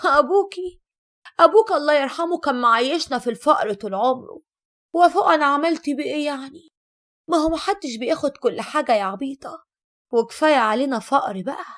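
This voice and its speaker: A woman voicing an older mother with an Egyptian accent, who speaks calmly and sarcastically. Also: a little high, fast talker, close to an everyday voice. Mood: mocking. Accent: Egyptian Arabic. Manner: calm, dismissive, sarcastic.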